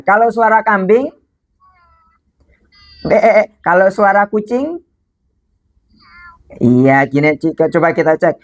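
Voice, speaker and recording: A young woman telling a story to a group of children, asking them questions and making animal sounds. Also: on the low side.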